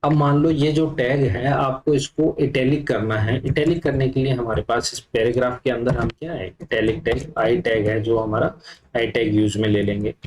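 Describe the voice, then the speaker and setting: A man's voice: mid-range voice, fairly even intonation, normal speed, darkish tone, a little hiss or hum, poor audio. A man teaching a computer class, explaining step by step while he types, with frequent fillers. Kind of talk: live coding lesson.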